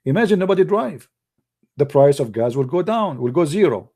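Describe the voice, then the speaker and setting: A man delivering an animated, sarcastic ranting monologue in broken English grammar, often breaking into mocking laughter. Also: a little high, brisk. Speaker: online commentator.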